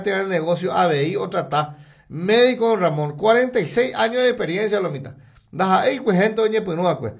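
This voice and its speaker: A high-pitched, gravelly Paraguayan man reads local ads live on the radio. His Paraguayan Spanish mixes in Guarani, and he lists items rapidly with sing-song swings in pitch and loudness.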